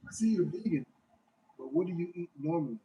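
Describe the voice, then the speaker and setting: A man's voice: a little high, expressive, brisk, dark tone, recorded from a distance, rough recording. Man, young adult, casual livestream talk, answering viewer comments, slightly raised voice, a bit away from the mic. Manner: reads out viewer comments and answers them chattily. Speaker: fitness livestreamer.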